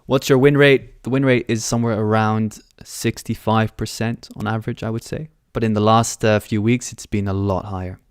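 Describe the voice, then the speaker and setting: Born in London, this young trading livestream host runs a casual Q&A, reading viewers' questions and answering loosely. His fairly low voice is smooth and clear, with a steady tone, moderate pace and few pauses. The headset mic in his small room gives close, dry sound with no echo.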